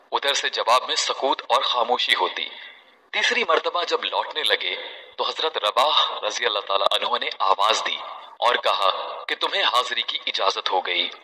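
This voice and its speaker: A man narrating a religious story in a measured, formal, reverent way, adding honorifics to every name. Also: mid-range voice, pushed and bright. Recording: long hall reverb.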